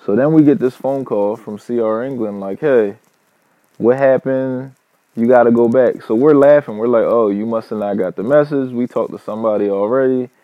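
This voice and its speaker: A man's voice: medium pitch, normal speed, no room sound. A man, a truck driver, telling a casual personal story in loose, profanity-heavy talk full of fillers. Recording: dull, dry lo-fi recording.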